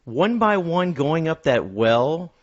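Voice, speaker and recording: A man's voice: fairly high pitch, very animated, takes it slowly. Dull-sounding male podcast host. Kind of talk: casual film discussion with a co-host.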